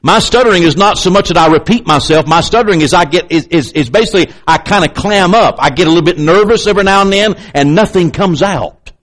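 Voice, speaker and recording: Talking fast with few pauses and a fairly bright tone, this preacher delivers an emphatic, repetitive sermon full of pointed asides to his congregation. A slight stutter makes him clamp up on certain words, and he imitates doubters by raising his pitch.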